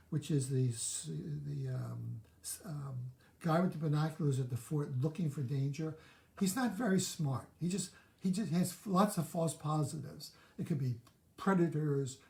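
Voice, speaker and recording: A man's voice: a little high, warm tone, reverberant. A man hosting a live self-help show, talking through his own reactions in a candid, reflective way. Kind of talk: live-streamed teaching talk.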